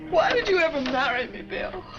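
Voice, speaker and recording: A high-voiced young wife, gentle, pleading and tearful. The sound is a dull vintage TV soundtrack with clear music behind. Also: female voice, lively intonation, brisk. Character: distressed young wife, gentle and self-blaming.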